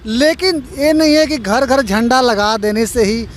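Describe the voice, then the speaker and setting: A man's voice: very high voice, a little slow, slight background noise. A man in a heated street debate, earnestly pleading his case against the other side.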